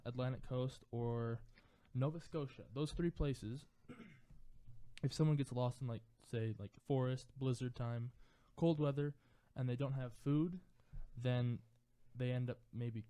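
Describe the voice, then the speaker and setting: A man's voice: medium pitch, warm tone. A young man co-hosting a casual podcast, rambling through a story with many fillers. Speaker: podcast co-host. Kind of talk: casual chat.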